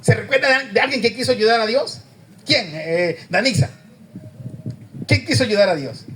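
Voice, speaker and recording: Man, preacher, high pitch, conversational sermon, questions to congregation. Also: normal speed, a bit bright, slight background noise. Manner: conversational, questioning the congregation, says amen often.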